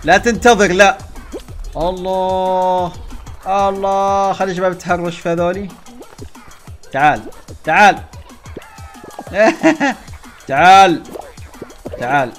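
A young man narrates a console game from home for his channel, excitable and quick to yell at other players. He talks straight to his viewers, and faint game music plays behind him. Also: sits high. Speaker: gaming channel host. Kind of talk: live gameplay commentary.

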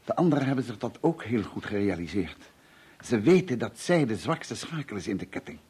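A shrewd detective, old radio show. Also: male voice, lowish voice, sing-song, darkish tone, slightly rough, exaggerated voice. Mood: probing. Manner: measured, asks short probing questions. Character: calm, shrewd adult male detective. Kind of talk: 1950s radio drama acting.

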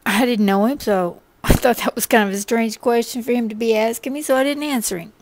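A woman's voice: fairly high pitch, fairly even intonation, a little fast, a little mellow. A middle-aged woman casually telling a personal faith testimony in a folksy, chatty way, laughing as she goes.

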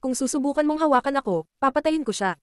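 A woman voicing a cold, ruthless young male martial cultivator who makes flat threats, in a fast-read audiobook. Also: high voice, no echo, studio quality.

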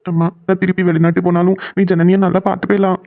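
A performer plays a young cartoon husband who teases his wife and then pleads with his mother. The delivery is fast, and the dry recording sounds narrow and phone-like. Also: mid-range voice, flat delivery, dry recording, close to an everyday voice. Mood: pleading. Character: young husband, emotional son. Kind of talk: animated cartoon voice acting.

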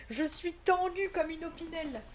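A woman's voice: sits high, a little hiss or hum. A woman streaming a horror game, talking jumpily and anxiously, swearing and exclaiming as she plays. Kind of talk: live gaming commentary.

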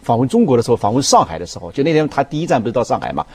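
A man's voice: medium pitch, sing-song, very fast, a little mellow, breathy edge. A middle-aged man giving casual commentary as a studio guest, explaining and repeating phrases for emphasis. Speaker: talk show guest. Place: TV studio at a table.

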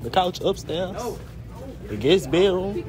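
A teenage boy recounts a story in a halting, hesitant way. His voice sits a little high. Other kids chatter around him outdoors. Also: expressive. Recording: crowd chatter behind.

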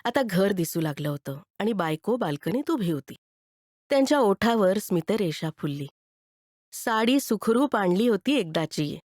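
A woman narrating a written story with expressive delivery. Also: mid-range voice, normal speed, no echo, clean studio sound. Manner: expressive, animated.

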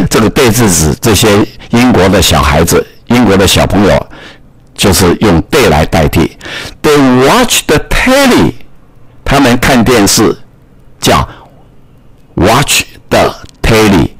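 A male teacher talks through an English reading lesson in a low, husky voice. His delivery is unhurried and lively in pitch, and he repeats each point in slightly different words. The sound is dry and close. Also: no room sound. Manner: reads English phrases slowly, then explains in Mandarin. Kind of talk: recorded reading lesson explaining English text.

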